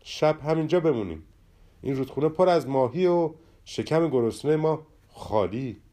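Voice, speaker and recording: A grumbling, jealous traveler who is always sorry for himself, as a man narrating a storybook puts him on. His voice is dark and mellow and rises a little above the narration when he whines. He stays a plain storybook voice rather than a full character. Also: fairly high pitch, animated, pitched above the performer's own voice, lightly acted. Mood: complaining. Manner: complaining, self-pitying.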